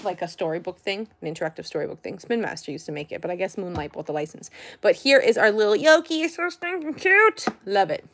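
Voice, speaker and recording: A woman's voice: fairly low pitch, lively intonation, fast, creaky. A woman, chatty and girlish, gushing casually as she hosts a toy and candy unboxing vlog. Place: indoors at home, by a tabletop.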